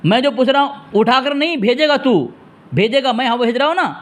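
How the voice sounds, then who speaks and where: A man's voice: extremely high pitch, animated, a bit bright. A man hosting a heated phone debate, scolding and insistent, repeating his demands and turning aside to address listeners. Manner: turns aside to address the audience. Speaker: debate host on a phone call.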